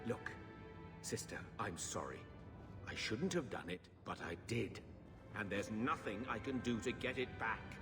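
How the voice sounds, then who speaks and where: An actor playing a gruff, shamefaced middle-aged uncle, a fallen nobleman, in a video game. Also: on the low side, expressive, a little slow. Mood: defensive regret. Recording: echoing hall reverb. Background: game music.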